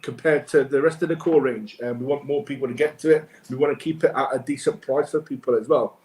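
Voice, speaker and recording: A man presenting sommelier-style tasting notes on a live webcast, informal and halting as he lists aromas and flavours. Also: mid-range voice, fairly even intonation, a little mellow, echoey room, slight background noise, rough recording.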